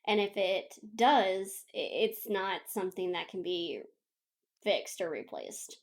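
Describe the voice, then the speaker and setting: A young woman co-hosting a podcast, telling a story in casual chat, animated, laughing often and acting out what others said. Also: medium pitch, takes it slowly. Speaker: podcast co-host.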